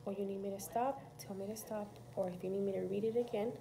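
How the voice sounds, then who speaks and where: A young adult woman teacher gently prompting a student through a math problem, patient and encouraging. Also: mid-range voice, steady tone, fast, gravelly, crowd noise. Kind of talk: one-on-one math interview.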